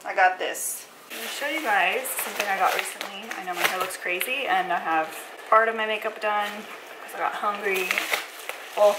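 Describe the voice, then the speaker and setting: A woman's voice: medium pitch, brisk. Young woman vlogger, noisy home recording. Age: young adult. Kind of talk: casual chat to camera. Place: room at home. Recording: noisy room sound.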